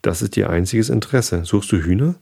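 Man reading wise male fox, patient, storybook, gravelly, husky. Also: on the low side, a little fast, full character voice. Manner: calm, earnest storybook reading.

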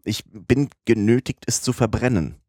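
A man voicing an unshakably calm English gentleman who speaks with composure. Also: medium pitch, normal speed, no room sound, clean studio sound, pitched above the performer's own voice, close to an everyday voice.

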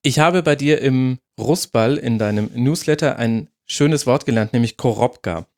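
A man with a Franconian accent and a rolled R, hosting a casual podcast interview and asking relaxed questions. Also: mid-range voice, moderate pace. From Franconia, Germany. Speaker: podcast host.

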